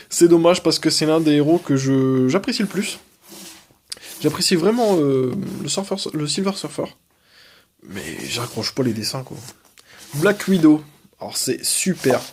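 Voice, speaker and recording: Chatty young man, slightly high voice. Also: measured pace, darkish tone, slight background noise. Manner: hesitant, many fillers, enthusiastic opinions. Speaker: comics collector showing his collection. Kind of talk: casual vlog review.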